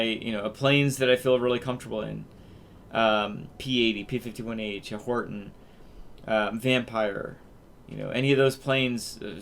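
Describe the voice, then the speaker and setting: A man in his thirties talks through a match in casual gameplay commentary. His voice is bright and forceful at a middle pitch, and he rambles, stopping and restarting his sentences with plenty of fillers. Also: gravelly. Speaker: gaming video host.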